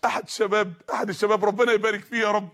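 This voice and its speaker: A man with an Egyptian accent delivers an impassioned, story-driven sermon in a high, fairly bright voice that races along with little pitch movement. He keeps appealing to his listeners with repeated questions, often sounding close to tears.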